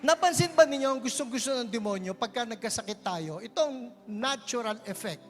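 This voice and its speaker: A Filipino man preaching an animated sermon, telling a story and acting out voices and laughter, with shouts of praise. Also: very high voice, fairly quick. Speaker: pastor. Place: large conference hall. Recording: hall reverb with faint music.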